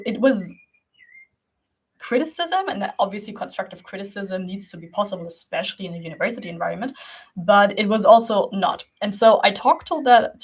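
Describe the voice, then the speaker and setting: A young woman from Germany, whose first language is Russian, talks casually to the camera as a creative coach, rambling with lots of fillers and restarts and laughing often. Her voice is mid-range and husky, and the recording is low quality.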